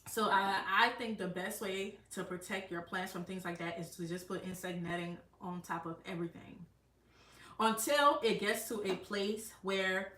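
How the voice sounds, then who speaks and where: A woman's voice: medium pitch, moderate pace, pushed and bright, recorded from a distance. Chatty woman hosting a gardening livestream. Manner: chatty, rambling, frequent fillers and restarts. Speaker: gardening channel host. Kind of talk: casual live-stream chat. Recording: roomy sound from away from the mic.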